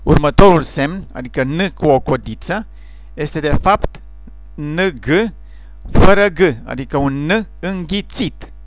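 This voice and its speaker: A man calmly teaching English pronunciation sounds, speaking slowly and carefully as in a scripted lesson. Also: a little high. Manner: slow, careful, explanatory delivery. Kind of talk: scripted instructional narration.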